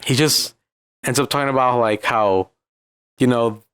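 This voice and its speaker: A man's voice: mid-range voice, unhurried, a bit bright, smooth. A young man with a Californian accent, co-hosting a casual podcast and retelling a video in a rambling way full of "like". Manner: rambling, filler-heavy retelling with lots of "like". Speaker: podcast co-host. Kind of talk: casual chat.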